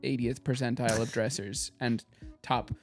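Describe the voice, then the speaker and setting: A man's voice: mid-range voice, little pitch movement, normal speed, faint music behind. A man co-hosting a podcast in casual chat, teasing with dry humor. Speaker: podcast co-host.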